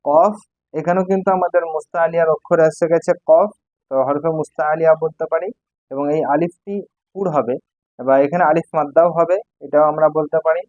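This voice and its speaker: Spelling letters slowly and repeating syllables, a male Quran recitation teacher leads a patient lesson in a steady, slightly high, a little mellow voice. The sound is dry with no echo and somewhat dull, like a lo-fi recording.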